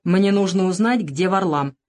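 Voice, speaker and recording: A woman's voice: fairly low pitch, moderate pace, darkish tone, close to an everyday voice. A woman reading the lines of a curt, angry young man, a former soldier, in an audiobook. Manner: curt, gruff.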